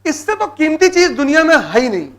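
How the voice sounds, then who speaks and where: A man's voice: extremely high pitch, very animated, a little fast, a bit bright. A middle-aged man giving a motivational lecture to exam students, exhorting them with blunt commands and repeating key words for emphasis.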